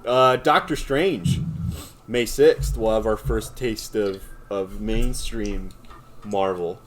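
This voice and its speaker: A man's voice: fairly low pitch, takes it slowly. A young man co-hosting a podcast, chatting casually and laughing often as he rambles. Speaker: podcast co-host. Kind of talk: casual chat.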